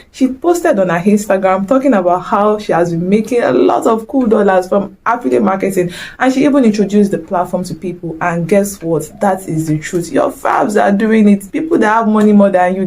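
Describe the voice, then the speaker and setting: A young woman with a Nigerian accent, speaking at medium pitch and a moderate pace in a darkish tone, gives a chatty, exclamatory motivational talk straight to camera as a vlogger. She sprinkles in Nigerian slang.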